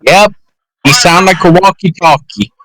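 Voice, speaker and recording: A jokey male player at a tabletop game with a bright, lively voice pitched a little high. His voice is dry and close. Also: unhurried, no echo, poor audio. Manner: jokey, easily confused. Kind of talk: casual game chat.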